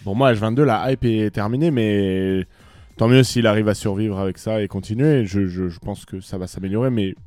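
A man's voice: on the low side, moderate pace, darkish tone, no room sound. A man on a rap news panel giving direct, opinionated takes in a casual chat. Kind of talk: casual studio debate.

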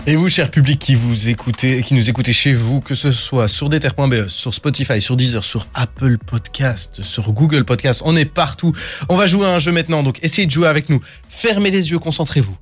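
A man's voice: medium pitch, brisk, slightly rough, faint music behind. A man hosting a quiz game on a podcast, playful and teasing, laughing often. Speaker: podcast host. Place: small studio.

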